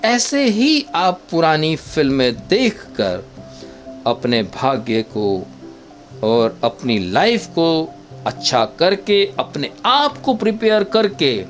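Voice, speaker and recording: A man giving viewers step-by-step acting advice in an unhurried, instructive way, often calling them friends. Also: a little high. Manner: demonstrates dialect voices in short quotes. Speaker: travel vlogger giving acting tips.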